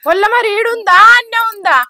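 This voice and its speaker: A woman's voice: very high voice, fairly quick, pushed and bright, no room sound, studio quality. A young woman with a Telangana accent acting a village niece who coaxes and consoles her aunt with firm advice. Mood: consoling. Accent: Telangana Telugu. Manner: coaxing, repeating soothing pleas, giving firm advice. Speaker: actor in a village skit.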